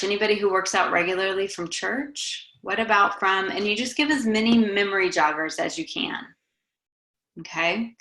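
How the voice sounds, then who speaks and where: A woman's voice: mid-range voice, bright, forceful tone, roomy sound, low-quality recording. A woman giving a sales training talk, coaching her listeners in a conversational way and acting out sample lines. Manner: coaching, conversational, demonstrates scripts aloud. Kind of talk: training presentation.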